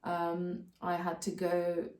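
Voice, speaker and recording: A woman, calmly explaining practical steps in a casual vlog, often pausing to think. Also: on the low side, far from the mic. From Slovakia. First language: Slovak. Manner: practical, step-by-step explaining with frequent hesitations. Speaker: co-host of a channel about moving abroad. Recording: roomy sound, voice off-mic.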